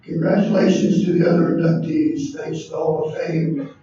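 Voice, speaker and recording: A hoarse man in his sixties from Indiana, giving an earnest acceptance speech as a coach inducted into a hall of fame. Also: fairly high pitch, animated, moderate pace, warm tone. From Indiana, USA. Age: 60s. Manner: earnest, lists names and values. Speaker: award inductee, basketball coach. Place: large banquet hall. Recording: echoey hall, distant muffled mic, faint noise.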